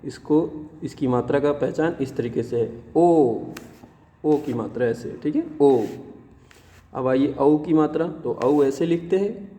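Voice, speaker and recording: A man teaching young children the Hindi vowels and their signs, saying each sound slowly and repeating it. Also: on the high side, dark tone, big-room sound. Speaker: primary school teacher. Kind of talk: classroom lesson on Hindi vowels.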